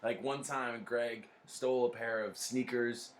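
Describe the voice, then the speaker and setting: A man's voice: medium pitch, unhurried, slight background noise. A man hosting a casual podcast, talking bluntly and swearing a lot. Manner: profane, blunt and animated. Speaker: podcast host.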